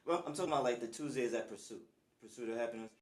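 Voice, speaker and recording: A man's voice: medium pitch, very fast. A man hosting a casual radio interview, chatty and restarting his sentences as he goes. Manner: chatty, repeats words as he gets going. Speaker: radio host.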